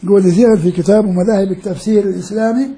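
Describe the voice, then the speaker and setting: High-voiced older man giving a lecture. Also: fairly even intonation, racing, mellow. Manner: explanatory, repeats key phrases, addresses students directly. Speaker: sheikh and professor lecturing. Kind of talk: classroom lecture.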